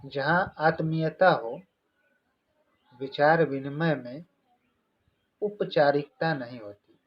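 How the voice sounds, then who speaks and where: A man's voice: a little high, dull audio. A man teaching an online exam-prep lesson, explaining step by step, repeating each answer and asking rhetorical questions.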